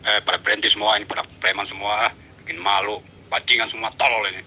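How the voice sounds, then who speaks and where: Deep-voiced blunt scolding man. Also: little pitch movement, fast, sharp tone, a little hiss or hum. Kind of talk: heated online debate.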